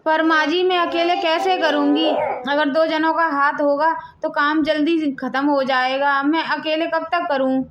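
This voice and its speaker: A woman's voice: high voice, little pitch movement, unhurried, few pauses, highs cut off. A woman voicing a polite, hardworking young wife who pleads and obeys in a cartoon family drama. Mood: pleading.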